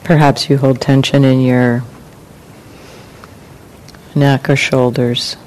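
A woman meditation teacher guides a meditation, speaking in calm, gentle, unhurried phrases separated by long pauses. The recording is low quality, with a clear rumbling noise in the background.

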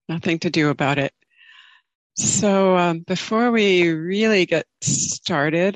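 A woman giving an informal dharma talk as a meditation teacher, speaking in a gentle, reflective and halting way. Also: low voice, no room sound, rough recording. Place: online group video call.

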